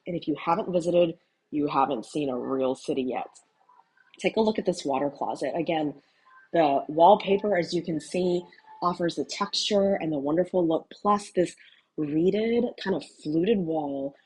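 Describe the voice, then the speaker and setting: Filming a hotel room tour vlog indoors on a handheld camera, a middle-aged woman from Houston, USA, a real estate broker and native Cantonese speaker, admires the suite with enthusiasm. She rambles a little and uses fillers, her voice on the low side with a darkish tone, and the recording is rough.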